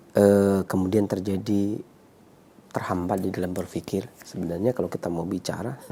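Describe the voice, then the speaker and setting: Male health consultant, gravelly and mellow, explanatory and repetitive, with faint noise behind. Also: deep voice. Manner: repetitive, checking with 'ya'. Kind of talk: explanatory advice to callers.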